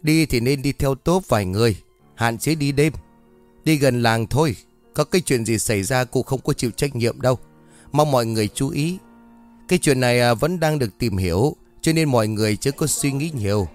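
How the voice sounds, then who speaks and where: A man's voice: mid-range voice, a little fast, soft background music, lightly acted. A man voicing a cocky young village man who lectures and makes announcements in a ghost story. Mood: announcing. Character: brash young village man, errand runner.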